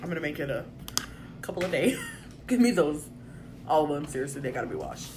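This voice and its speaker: A woman's voice: sits low, animated, a little fast, a little mellow. A woman chatting casually with a friend in a playful way, laughing and swearing. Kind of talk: casual chat. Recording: noisy background.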